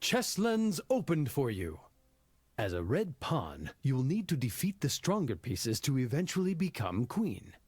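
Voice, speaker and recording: An actor playing a male storybook guide in a fantasy game, speaking in a measured, theatrical storyteller's way. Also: mid-range voice, wildly swooping pitch, darkish tone, husky, faint music behind, full character voice. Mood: solemn guiding. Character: Humpty Dumpty, male storybook guide addressing Alice. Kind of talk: scripted game character dialogue and narration.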